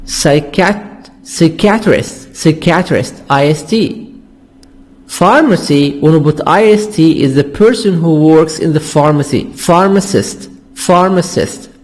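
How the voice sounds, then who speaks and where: A man's voice: a little high, takes it slowly, a little mellow. A man whose first language is Arabic, teaching English vocabulary and repeating words to drill their pronunciation. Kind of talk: vocabulary lesson explanation.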